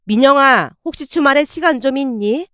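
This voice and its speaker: A kind older female teacher with a gentle, inviting manner, as a woman narrating a story voices her. The voice is high and dry, with no room sound. It is told as a spoken storybook. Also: moderate pace, no echo.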